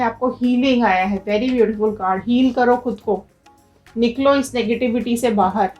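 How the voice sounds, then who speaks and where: A woman with a fairly high voice gives a tarot reading straight to her viewers. She talks in an urgent, motivational way, pressing them to act. Soft music plays faintly behind her. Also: dull audio. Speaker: tarot reader.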